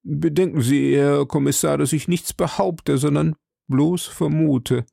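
A man's voice: a little high, steady tone, a little slow, creaky, mellow, breathy edge, no room sound, studio quality, voice pushed up, heavily acted. A man voicing a timid, frightened middle-aged male shopkeeper who speaks hesitantly and pleads anxiously.

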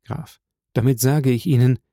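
A man's voice: mid-range voice, fairly even intonation, normal speed, dark tone, no room sound, clean studio sound, lightly acted. A man voicing a grieving young male soldier, speaking with rising passion and pleading outbursts. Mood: impassioned.

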